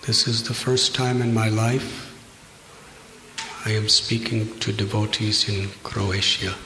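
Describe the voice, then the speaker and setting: A man giving a devotional address as a visiting preacher, speaking solemnly in short, measured phrases left open for an interpreter. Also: on the low side, fairly even intonation. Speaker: visiting Hare Krishna preacher. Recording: echoey reverberant hall, noisy.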